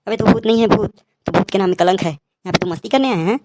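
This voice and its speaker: A man's voice: sits high, fast, background noise. A man giving a mocking, comic voice-over commentary on a cartoon as the channel host. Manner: mocking, roasting.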